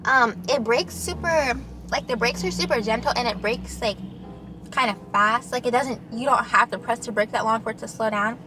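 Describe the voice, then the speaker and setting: A young adult woman vlogger chats casually with the camera while eating in a mukbang, music playing in the background. Her voice is a little high and her pace moderate, and she's chatty and loose, full of fillers.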